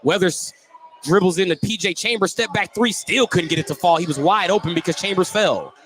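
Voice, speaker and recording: This man's high-pitched, fairly bright voice moves a little fast as he calls basketball play-by-play live on radio. Positioned courtside in a school gym, he describes each moment in detail over the background noise of the broadcast.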